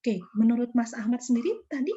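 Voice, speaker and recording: A woman's voice: a little high, fast talker, mellow. A woman lecturer in psychology, explaining interviewing casually and acting out example dialogues, often adding "gitu ya". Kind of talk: online class lecture. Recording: slightly dull lo-fi online lecture audio.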